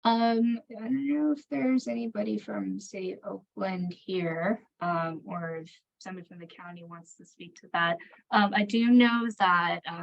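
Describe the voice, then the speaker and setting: A woman's voice: fairly low pitch, gravelly, a bit bright, rough recording. A woman presenter answering questions off the cuff in an online session, tentative and conciliatory, often trailing off. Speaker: training presenter, local government staffer.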